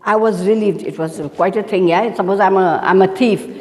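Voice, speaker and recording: A woman's voice: medium pitch, a little fast, big-room sound. A woman teacher reading from a book to her pupils and explaining it, often stopping to ask them questions. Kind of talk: online class lesson.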